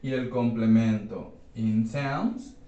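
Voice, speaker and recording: A man teaching an English grammar class, explaining slowly and checking in with his students often. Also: mid-range voice, dark tone, muffled recording. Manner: slow, repeats and checks with "¿sí?". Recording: echoey room, voice from far off.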